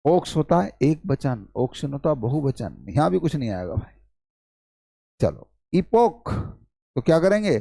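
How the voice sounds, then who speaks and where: High-voiced male teacher. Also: vocal fry, mellow, no echo, studio quality. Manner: repetitive questioning, addresses students as brother. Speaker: English teacher. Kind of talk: classroom-style lesson.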